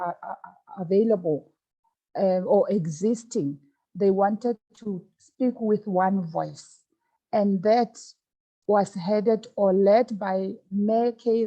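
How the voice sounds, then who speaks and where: A woman giving a formal presentation over a video call, her voice slightly hoarse, polite and measured. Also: mid-range voice, mellow, poor audio. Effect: speaking over a video call. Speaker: guest speaker.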